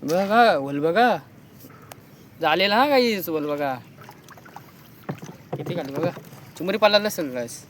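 A man's voice: sits high, lively intonation, measured pace, long pauses, fairly bright tone, slight background noise. A man vlogging casually outdoors while checking crab nets by the water, chatting to viewers and pointing things out as he films on a phone.

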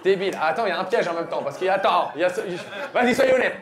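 A man in his thirties doing stand-up crowd work on a comedy club stage with a handheld mic, teasing an audience member with loud punchlines and quick asides. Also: high voice, expressive, echoey room. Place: comedy club stage, dark curtain backdrop. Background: audience laughing.

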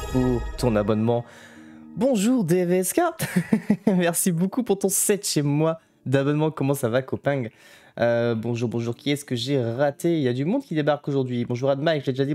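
A man chatting casually on a live stream, greeting viewers one by one. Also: mid-range voice. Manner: greets chat by name, chatty and lively.

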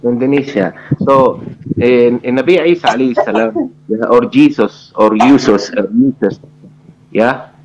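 A man from Egypt, an Arabic speaker, politely and apologetically asking questions in halting second-language speech. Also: medium pitch, background noise. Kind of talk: casual questioning in discussion. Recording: dull lo-fi audio.

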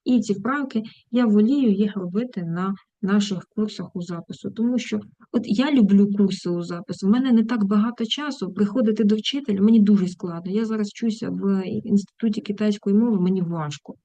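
A woman teacher giving an online grammar lesson. She explains each point, checks with the class whether they understood, and slows down to read example sentences. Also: mid-range voice, dark tone, no echo, highs cut off. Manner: explains, then asks the class "got it?". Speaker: German teacher. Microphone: video call.

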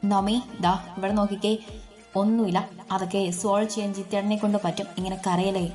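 A woman's voice: medium pitch, little pitch movement, brisk, darkish tone, faint music behind, lightly acted. A woman voicing a young husband weighed down by debts, speaking in a hesitant, evasive way. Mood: strained.

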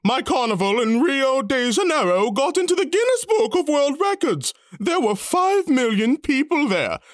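A performer voicing a proud, boastful Brazil countryball in a cartoon, teasing with a lively, swooping delivery. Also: high voice, normal speed, no echo, clean studio sound. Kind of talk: cartoon voice acting.

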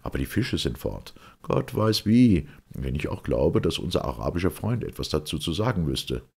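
A man with a husky voice reading a curt, urgent young man in a detective audiobook. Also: deep voice, big pitch swings, normal speed, darkish tone, voice pushed up, full character voice.

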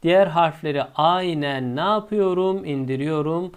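A male teacher explaining a lesson step by step, asking himself questions and answering them, and drawing out the key words slowly. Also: on the high side, clear, resonant tone.

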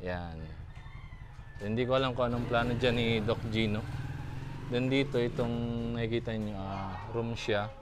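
A man in his thirties chatting casually through a walking tour of a small building, with many fillers and pauses, filmed on a handheld phone. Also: medium pitch, background noise. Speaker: vlogger giving a tour. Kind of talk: casual vlog tour narration. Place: small empty building, indoors and street. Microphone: phone camera held at arm's length.

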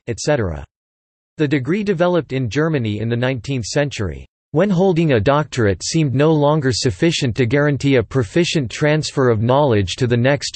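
A man with a slightly husky voice reading scripted reference text aloud in a measured way, carefully spelling out abbreviations. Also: mid-range voice, darkish tone, no room sound. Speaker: narrator of an audio encyclopedia article.

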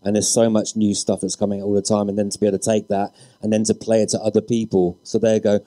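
A man's voice: on the low side, completely flat delivery, fast, dark tone, dry recording. A man speaking as a DJ on a live panel, earnest and opinionated. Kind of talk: panel discussion.

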